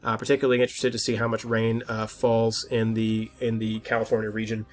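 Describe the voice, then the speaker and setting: In a lowish, slightly nasal-sounding voice with a completely flat delivery, a man presents an informal weather forecast as host, repeatedly breaking off and restarting while he thinks aloud.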